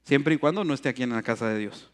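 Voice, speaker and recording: Holding a handheld microphone in a church, a male pastor delivers a sermon, slipping in quiet joking asides before building to shouted preaching. His voice is mid-range and fast.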